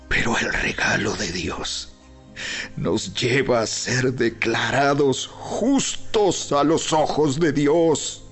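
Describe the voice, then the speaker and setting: A man narrates scripture in a solemn, emphatic style, taking his time and leaving weighty pauses. His voice is husky with a gravelly grain, and soft music plays behind him. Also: medium pitch. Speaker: Bible narrator. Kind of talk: dramatized scripted Bible narration. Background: background music.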